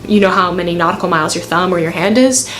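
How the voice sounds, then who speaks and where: A woman's voice: lowish voice, quick pace, a bit bright. Chatty, candid young woman telling a story. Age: 20s. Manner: chatty, candid, self-deprecating. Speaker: student pilot vlogger. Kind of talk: casual storytelling to camera. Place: bedroom, indoors.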